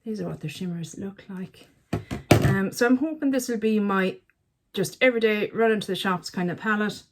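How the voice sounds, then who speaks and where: A woman's voice: medium pitch, moderate pace, slight background noise. A woman chatting casually to camera as a beauty vlogger, chatty and self-mocking, often talking to herself. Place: at home by a counter.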